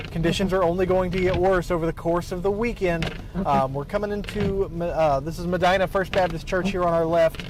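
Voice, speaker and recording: A man giving a live road report from inside a moving car, speaking haltingly with many fillers while driving. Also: high-pitched, background noise. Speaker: field meteorologist reporting from car.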